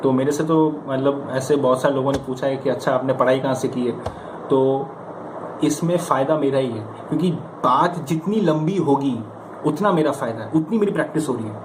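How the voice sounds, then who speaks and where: With a mid-range voice at normal speed, this Indian stammering coach delivers an informal motivational lesson on practice. He coaxes and emphasizes in a conversational way, asking rhetorical questions and acting out examples, in an echoey room with noticeable background noise.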